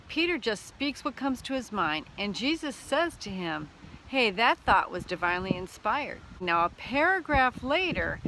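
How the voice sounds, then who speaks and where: A woman's voice: on the high side, fairly bright tone, slight background noise, rough recording. A woman teaching about prophecy, telling a personal church story in a casual way and acting out the voices in it.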